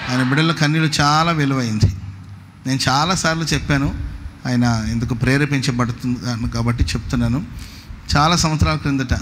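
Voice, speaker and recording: A man's voice: medium pitch, brisk, a little hiss or hum. A man in his forties, a Kannada native speaker, preaching a sermon as pastor, repeating phrases as he tells stories and calling the congregation to respond aloud. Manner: storytelling with many repeated phrases. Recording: long hall reverb, faint background ambience.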